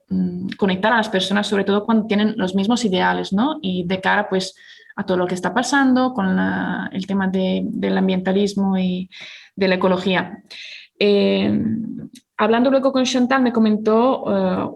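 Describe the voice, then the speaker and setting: A woman's voice: medium pitch, vocal fry. A woman in her forties from Italy, a neighborhood activist speaking as a guest, with frequent fillers and restarts. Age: 40s. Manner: hesitant, many fillers and restarts. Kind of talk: casual interview talk.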